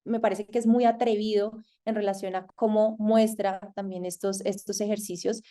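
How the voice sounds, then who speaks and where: Mellow-voiced Colombian woman lecturing. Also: mid-range voice, level tone, normal speed. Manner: thoughtful, hesitant with frequent fillers. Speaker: masterclass lecturer. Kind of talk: online lecture.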